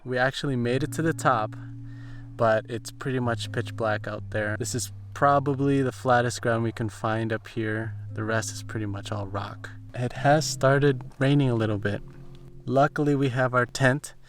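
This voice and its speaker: A man's voice: mid-range voice, normal speed. Breathless man narrating a mountain hike. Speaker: host, photographer. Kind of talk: casual hiking vlog narration. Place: outdoors on a mountain trail.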